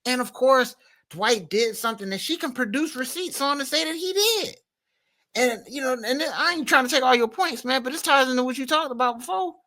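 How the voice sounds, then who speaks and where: A man's voice: extremely high pitch, animated, a little fast, bright, forceful tone. A man co-hosting a podcast, talking in a loose, slangy, rambling way full of fillers. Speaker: podcast co-host. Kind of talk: casual commentary chat.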